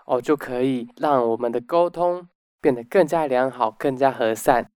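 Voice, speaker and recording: A man hosting a book summary talk, explaining step by step and dropping in soft "oh" particles. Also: medium pitch, clean tone, no room sound, studio quality. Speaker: podcast host.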